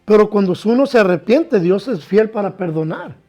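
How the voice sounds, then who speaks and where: High-voiced man preaching in two languages. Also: lively intonation, mellow, faint music behind. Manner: says each line in Spanish, then repeats it in English; reads scripture aloud, slowing for emphasis. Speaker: pastor. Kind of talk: bilingual sermon.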